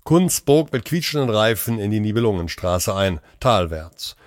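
Man reading a story aloud, lowish voice, dead dry booth sound. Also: big pitch swings, no echo. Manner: measured, storytelling. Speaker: narrator. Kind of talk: audiobook story narration.

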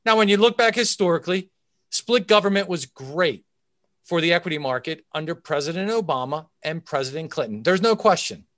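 Male expert guest, fairly high voice, methodical and emphatic explainer, close dry sound. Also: animated, fairly quick, fairly bright tone, no echo. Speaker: chief investment officer, interview guest. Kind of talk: expert market commentary in interview.

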